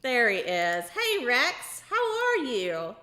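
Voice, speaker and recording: A woman's voice: on the high side, huge pitch swings, slow, bright, forceful tone. A woman hosting a children's show, teaching in a sing-song, encouraging way as she talks to kids and a puppet. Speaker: kids' show host.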